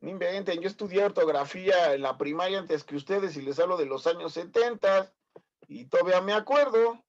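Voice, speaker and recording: Teaching medicine online, this fifty-something man with a Mexican Spanish accent teases and corrects students and fires off many quiz questions. His voice sits high and he talks briskly, on dull audio.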